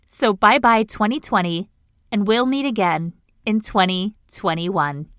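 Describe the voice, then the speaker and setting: A woman hosting a podcast in a tiny studio, reading comic rhyming verse in a cheerful, animated way. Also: mid-range voice, measured pace, clean tone, no echo. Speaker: podcast host.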